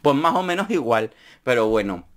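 Young man, from Spain, casual comedic commentary, lively pitch, laughs a lot, jumps into high mocking voices. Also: moderate pace. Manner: animated, laughs often, mimics voices in high falsetto. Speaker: vlogger commenting on a reality show.

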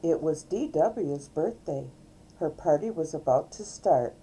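An older woman, a great-grandmother, reading a storybook aloud to small children in a gentle, coaxing way at home. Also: low-pitched, animated, unhurried, slightly rough, poor audio. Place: at home, filmed by a family member.

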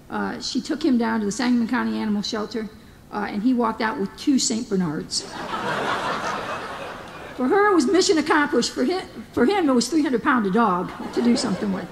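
A woman giving a humorous, anecdotal eulogy speech as a former staffer, telling stories and quoting others. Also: vocal fry. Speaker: memorial speaker, former staffer. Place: large hall. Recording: long hall reverb, faint rumble.

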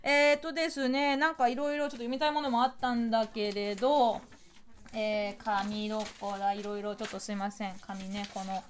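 A woman's voice: on the high side, level tone, brisk, slight background noise. A woman hosting a radio show in casual chat, playful and rambling, laughing often, into a studio microphone. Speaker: radio host.

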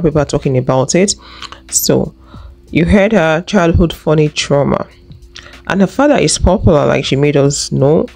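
A woman's voice: low voice, darkish tone. A woman hosting a reaction video, recapping the story in a conversational way and building suspense into a studio mic. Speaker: channel host. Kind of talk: reaction commentary. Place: home room. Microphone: studio mic on stand.

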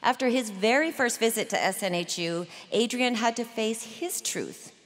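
Woman giving a measured commencement speech. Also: on the high side. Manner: measured, deliberate storytelling delivery. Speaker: commencement speaker. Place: large ceremony venue. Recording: long reverb of a big venue.

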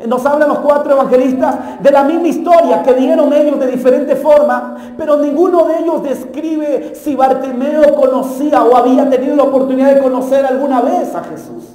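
A man preaching a Pentecostal sermon with passion, often shouting and acting out a beggar's cries. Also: very high-pitched, brisk, hardly any pauses. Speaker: pastor. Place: church hall. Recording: echoey hall, long reverb.

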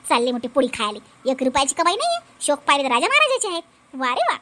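A woman voicing a boastful, sharp-tongued young sister-in-law who taunts. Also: high-pitched, wildly swooping pitch, quick pace, voice pushed down, heavily acted. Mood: mocking.

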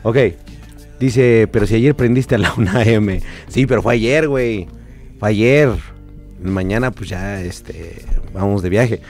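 A young Mexican man streams live while hoarse with a cold, his somewhat low voice rough and strained. He chats loosely with viewers, reads their comments aloud and swears freely. Soft music plays faintly underneath. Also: unhurried. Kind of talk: casual live-stream chat.

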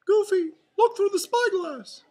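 A woman voicing a cheery, bossy cartoon mouse leader from a storybook, in an excitable, exclaiming way. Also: very high voice, unhurried, pitched above the performer's own voice. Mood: urgent, bossy. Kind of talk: storybook read aloud.

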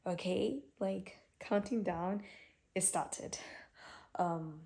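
A woman's voice: fairly low pitch, very slow, vocal fry, warm tone. A woman vlogger chatting casually and rambling a bit through a haul video, holding the camera at home. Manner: chatty, rambling, repeats words. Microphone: handheld camera.

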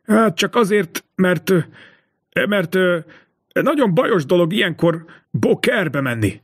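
A man's voice: sits high, sing-song, slightly rough, full character voice. A man doing a jittery, greedy innkeeper. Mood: nervous. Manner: shaky, hesitant, blustering. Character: nervous, greedy middle-aged innkeeper.

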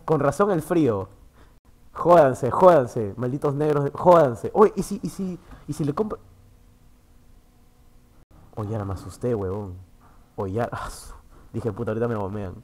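Broadcasting from a booth in an internet café, this Peruvian-accented man keeps up easygoing chatter with the people watching his stream. He gets worked up easily, curses without restraint, and alternates between shouting and mumbling under his breath.

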